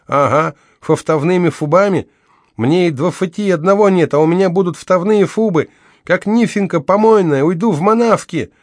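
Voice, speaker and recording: Man voicing a young woman, heavy lisp through missing teeth, bitter, proud, raised pitch, dry close sound, audiobook. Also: normal speed, no room sound. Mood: tearful bitter.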